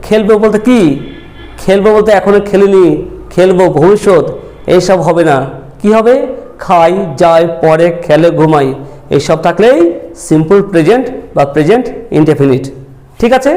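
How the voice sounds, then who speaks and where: A man's voice: high-pitched, a little mellow. A man teaching a grammar lesson. He keeps asking questions, answers them himself, and sometimes scolds a little. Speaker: English teacher.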